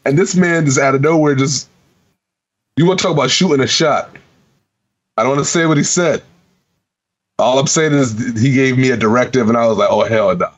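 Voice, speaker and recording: A man's voice: mid-range voice, fairly quick, pauses often. A man on a podcast telling a casual gaming story, swearing freely and acting out both sides of the conversation. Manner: animated, profane, laughing storyteller acting out dialogue. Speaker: podcast co-host. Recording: dull lo-fi podcast audio.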